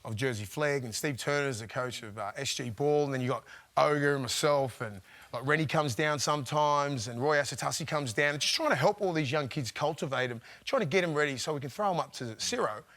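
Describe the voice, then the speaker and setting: Man, former footy player, lively rambling yarns, slightly high voice, casual chat. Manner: rambling, animated, quick laughter.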